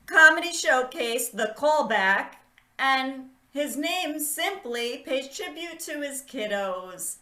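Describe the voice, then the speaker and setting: A woman hosting a comedy show over a video call, introducing comedians in an upbeat, cheering way. Her voice is bright and high, and she speaks slowly in an echoey room. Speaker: show host.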